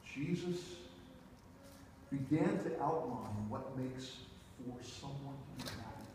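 A man's voice: mid-range voice, lively intonation, slow, noisy background. Middle-aged male pastor, storytelling sermon, distant mic in a big reverberant sanctuary. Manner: storytelling, moves about the stage with wide gestures. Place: church sanctuary, large indoor room. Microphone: distant room mic, preacher away from the camera. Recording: echoey church hall heard from far off.

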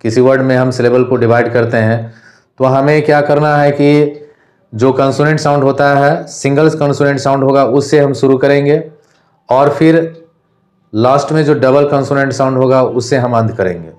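A man from India teaching an English lesson, slowly spelling out words letter by letter. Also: medium pitch, steady tone, a little mellow. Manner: slow, deliberate spelling out of letters. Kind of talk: classroom lesson explanation.

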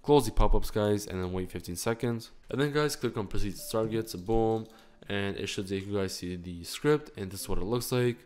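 A man's voice: on the low side, normal speed, darkish tone. Upbeat young man with constant "guys". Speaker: channel host. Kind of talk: casual screen-recorded game tutorial.

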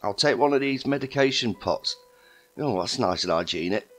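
A man's voice: mid-range voice, expressive, moderate pace. A man giving wry, joking commentary while playing a video game. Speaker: gaming YouTuber. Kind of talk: let's play commentary. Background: game music.

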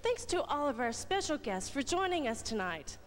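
A woman's voice: high-pitched, big pitch swings, normal speed. A woman in her twenties reading scripted announcements from a stage as a pageant titleholder. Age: 20s. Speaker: pageant titleholder presenting guests. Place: large pageant theater stage. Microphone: handheld or stand microphone. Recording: echoey hall PA, noisy audience, old tape.

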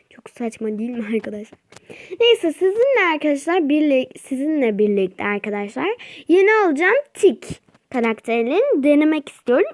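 A woman hosting her own gaming channel, giving chatty, excitable let's-play commentary and crying out during the game. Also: sits high.

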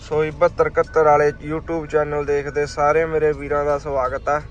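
A man's voice: on the high side, little pitch movement, normal speed, lo-fi sound, slight background noise. A man from Punjab, India, chatting casually to his vlog viewers from inside a car and coaxing a small child to talk. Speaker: vlogger.

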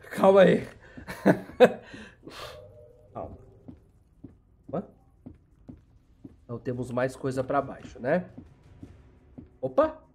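A young man with a Brazilian Portuguese accent doing chatty let's play commentary, talking to viewers and breaking into sudden excited shouts. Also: mid-range voice, drawn-out words, pauses often, slight background noise. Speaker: gameplay channel host.

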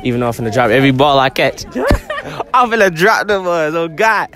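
A man's voice: fairly high pitch, very animated, brisk, pushed and bright, faint music behind. A young man vlogging casually on his phone while walking a snowy college campus, talking in blunt slang and joking complaints. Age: young adult. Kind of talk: casual vlog chat. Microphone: phone held at arm's length. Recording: outdoor phone audio with crowd.

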